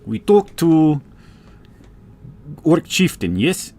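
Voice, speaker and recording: A man voicing a face-painted elf woman in a put-on Russian accent, halting and tagging questions. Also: a little high, very animated, darkish tone, pitched above the performer's own voice, exaggerated voice. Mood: earnest. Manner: halting, with "da" and "yes?" tags.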